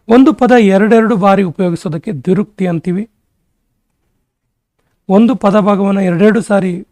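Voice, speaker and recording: High-voiced man rattling off grammar lists. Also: a little mellow, no echo. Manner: brisk, rattles off word lists. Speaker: exam-prep teacher. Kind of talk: grammar lesson.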